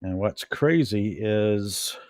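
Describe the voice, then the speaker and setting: A middle-aged man from the United States shows objects at home for a casual vlog, talking to himself in a slow, musing way. His voice is fairly low, animated and darkish in tone, with clean studio sound and no room sound.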